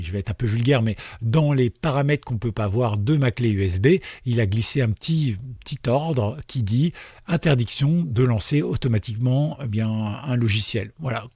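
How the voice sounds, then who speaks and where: A man's voice: mid-range voice, a little mellow, breathy edge, no echo, clean studio sound. A man hosting a casual computer tutorial, chatty and reassuring, with many fillers and friendly asides. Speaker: tech tutorial host. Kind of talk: casual screen-share tutorial.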